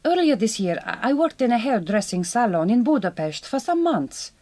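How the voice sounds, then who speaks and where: Fairly high-pitched and very animated at normal speed, the actress voices the same direct, kind yet quietly wounded Hungarian farm worker with a Hungarian accent and careful, reassuring speech. The recording is dry and the mood eager and reassuring.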